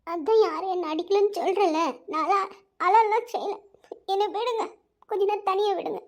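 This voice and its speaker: A woman's voice: very high voice, moderate pace. A woman voicing a tearful, lovesick young woman in a cartoon, speaking. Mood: upset. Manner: tearful, pleading. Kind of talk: cartoon voice acting.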